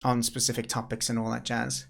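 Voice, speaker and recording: A man from the UK chats with viewers during a game development livestream, sounding tired and worn. He thinks aloud and keeps restarting his sentences. His voice sits at an ordinary middle pitch. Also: completely flat delivery, fairly quick, gravelly, fairly bright tone, breathy edge. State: tired, yawning. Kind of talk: casual livestream chat.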